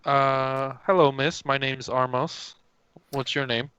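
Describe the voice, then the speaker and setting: A man playing a tabletop game, relaxed and polite in character. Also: mid-range voice, slow, smooth, no room sound, poor audio. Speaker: player. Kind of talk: casual tabletop game talk.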